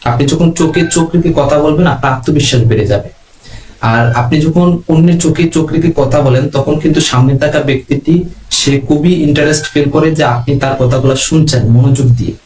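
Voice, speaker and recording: বাংলাদেশের এক পুরুষ অনলাইন ক্লাসে যোগাযোগ দক্ষতা শেখাচ্ছেন, ধীর ও মাপা ভঙ্গিতে একটার পর একটা টিপস দিচ্ছেন।. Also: male voice, a little high. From Bangladesh. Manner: calm, measured teaching with numbered tips. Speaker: online class instructor. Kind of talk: online lesson on communication skills. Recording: roomy echo.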